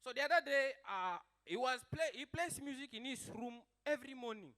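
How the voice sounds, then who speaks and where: Young male stand-up comic with a high voice, rambling and chatty as he tells stories. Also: lively intonation, pushed and bright. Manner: chatty, rambling, with fillers and quick asides. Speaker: stand-up comedian. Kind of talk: stand-up comedy storytelling.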